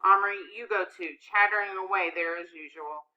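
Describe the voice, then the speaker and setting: A woman doing a brisk no-nonsense teacher. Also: mid-range voice, bright, forceful tone, lo-fi sound. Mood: stern. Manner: brisk, sarcastic. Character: sharp no-nonsense female schoolteacher.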